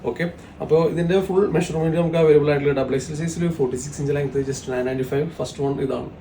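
A man with a Kerala accent giving a repetitive sales pitch as a shop presenter, mixing many English words into his Malayalam. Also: steady tone, fast, warm tone. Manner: repetitive, salesy patter with frequent tag words. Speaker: shop presenter selling women's outfits. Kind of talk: sales pitch showing products. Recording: roomy, distant mic, faint background noise.

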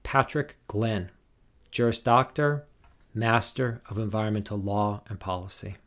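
A man announces graduates' names one by one at a commencement. He speaks very slowly and deliberately, in a lowish voice, keeping a formal, measured rhythm. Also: steady tone, fairly bright tone. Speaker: commencement name reader.

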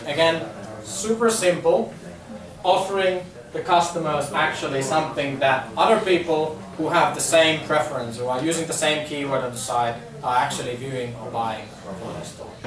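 A man in his thirties from Finland, speaking at normal speed in a slightly high voice with a Finnish accent, presents informally on business to a conference-room audience, a crowd audible in the background. His chatty talk is dotted with ums and repeated words. Recorded from afar by a camera without a mic, it sounds echoey with a faint hum.

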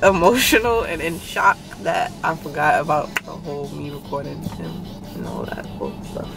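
A woman's voice: low voice, big pitch swings, normal speed, gravelly, over music, low-quality recording. A young woman vlogger in casual, rambling chat, filming from a parked car at a drive-in. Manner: chatty, rambling, laughing often.

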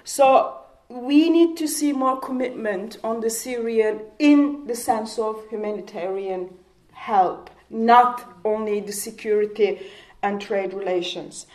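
Speaking into a handheld mic at a community hall panel table, an impassioned Kurdish-speaking woman from Turkey addresses a public panel with a fairly high, slightly mellow voice. Her talk is full of rhetorical questions and frequent restarts.

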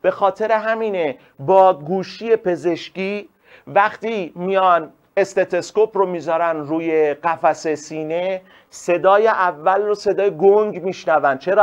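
A male teacher giving a live online class, animated and emphatic, calling on students by name. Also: sits high, muffled recording.

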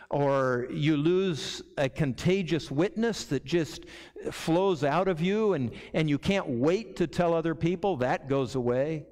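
Earnest middle-aged pastor in a reverberant church. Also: male voice, a little high, darkish tone. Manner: earnest, repeats words when starting a thought. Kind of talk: sermon. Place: church sanctuary. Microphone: lectern microphone.

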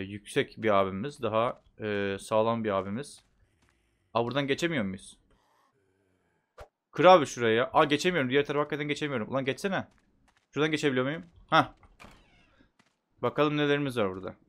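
A man giving casual gameplay commentary, chatting to himself and bursting into loud shouts at the game. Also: medium pitch, a little fast, pauses often. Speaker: gameplay streamer.

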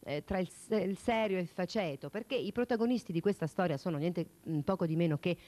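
A woman with a lowish voice introduces a short segment as a TV presenter. She speaks thoughtfully, pausing often to find her words. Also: dark tone. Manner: hesitant, thoughtful, many pauses. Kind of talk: studio introduction.

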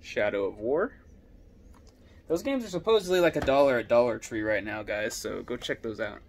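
A young man casually running through his video game collection, giving quick offhand comments on each title. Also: medium pitch, expressive, a little hiss or hum. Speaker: gaming YouTuber.

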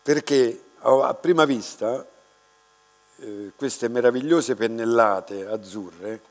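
An older man, an art restorer, giving an unscripted lecture at a lectern, reflective and unhurried, pausing often and restarting his words. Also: mid-range voice. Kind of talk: slow, unscripted lecture to an audience. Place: large dark lecture hall, standing at a lectern. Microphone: lectern microphone. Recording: reverberant lecture hall with mains hum.

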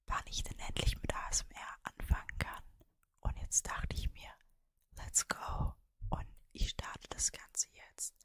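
A woman in her early twenties with a Mannheim German accent, whispering casually in an ASMR style, very close to the microphone. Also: fairly bright tone. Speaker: ASMR creator and streamer. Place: cosy bedroom, indoors. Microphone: desktop microphone, very close.

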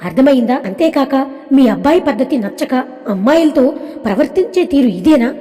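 A woman's voice: high voice, expressive, normal speed, dark tone. A woman voicing a stern young man who firmly stresses every word as he defends his fiancée. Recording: long reverb.

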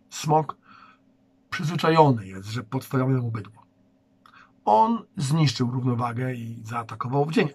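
A man's voice: mid-range voice, breathy edge, full character voice. A man doing a commanding elder prince. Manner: commanding, brisk orders.

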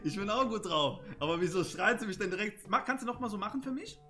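A man hosting a prank video chat, talking casually in slang and teasing strangers in a low, conspiratorial way. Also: expressive, fast, over music.

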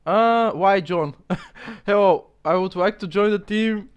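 A young man streaming from a small dim room on a headset, reading aloud haltingly with many fillers and chuckles in casual commentary. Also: high-pitched, smooth, lo-fi sound.

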